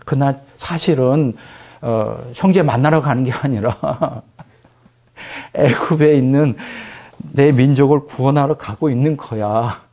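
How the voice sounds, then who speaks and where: A man's voice: mid-range voice, measured pace. A male pastor preaching a storytelling sermon who keeps putting questions to his congregation. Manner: animated, addresses the congregation with questions.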